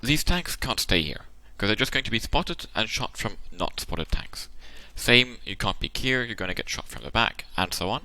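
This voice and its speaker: A man's voice: on the low side, big pitch swings, normal speed, hardly any pauses, pushed and bright. A man hosting his channel, giving casual tactical commentary on a game replay. He explains the options at length and thinks aloud, and his voice sounds tired and worn out.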